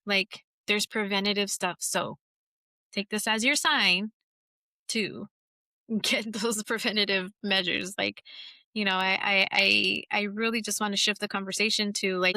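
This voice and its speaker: Bright-voiced frank woman podcast host. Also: medium pitch, dry recording. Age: 40s. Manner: frank and chatty, swears casually. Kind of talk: casual conversational interview.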